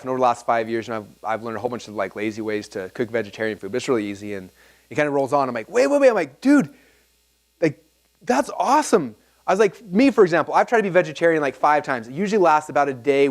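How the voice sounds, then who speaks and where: A man talking to a live seminar audience, telling rambling, animated stories full of fillers and restarts. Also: mid-range voice. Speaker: marketing seminar speaker.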